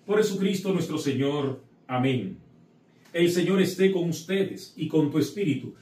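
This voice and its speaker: In a small indoor chapel set with an altar, a middle-aged priest gives an encouraging sermon before turning to the solemn Mass prayers. He speaks expressively at normal speed in a somewhat high, slightly mellow voice, heard from afar amid room echo.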